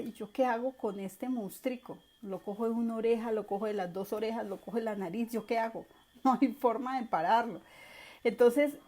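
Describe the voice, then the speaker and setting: A woman's voice: on the high side, a little mellow. A woman teaching an online course, explaining and acting out quoted parents and children. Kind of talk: virtual class lecture.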